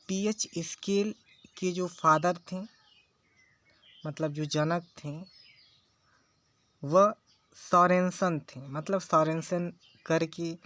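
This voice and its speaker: A man's voice: fairly high pitch, a bit bright. A man teaching a lesson, who repeats key phrases and keeps checking in with his listeners. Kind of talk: slow classroom lecture.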